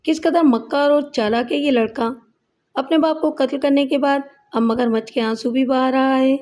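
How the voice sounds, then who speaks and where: A woman's voice: sits high, steady tone, a little mellow, close to an everyday voice. A woman voicing a stern, scornful male police inspector who barks orders and scolds in a commanding tone.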